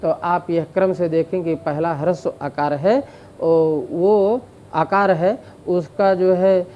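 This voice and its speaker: A man teaching Sanskrit grammar in a slow explanatory lecture, drawing out vowel sounds to demonstrate them, with frequent fillers. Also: high voice, fairly even intonation, dull audio, a little hiss or hum. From India.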